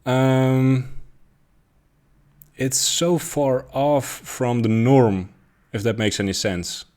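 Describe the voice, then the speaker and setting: A man's voice: mid-range voice, steady tone, extremely slow, darkish tone. A man hosting a casual interview, asking questions with lots of hesitations and fillers. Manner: hesitant, many fillers and restarts, laughs along. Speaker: host.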